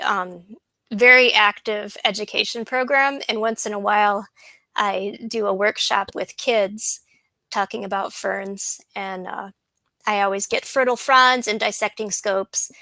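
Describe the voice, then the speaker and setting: A woman botanist giving an unhurried slide lecture, with frequent ums and restarts. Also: mid-range voice, sharp tone, no room sound, low-quality recording. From USA.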